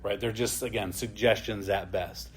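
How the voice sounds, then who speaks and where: A man's voice: fairly low pitch, steady tone, normal speed. A man teaching an adult church class in a plain, conversational way. He often adds a questioning "right?" as he talks.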